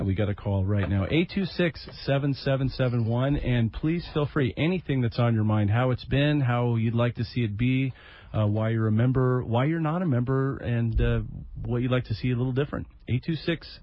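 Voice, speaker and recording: A man's voice: medium pitch, normal speed, highs cut off, a little hiss or hum. A man hosting a live community radio talk show in a studio, talking in a casual, rambling way with many fillers and restarts, heard with an AM radio broadcast sound.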